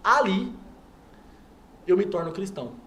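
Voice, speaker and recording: A man's voice: sits high, expressive, measured pace, fairly bright tone, a little hiss or hum. A man, a guest on a TV talk show, telling a personal faith story and acting out everyone's lines. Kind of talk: animated personal testimony. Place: TV studio.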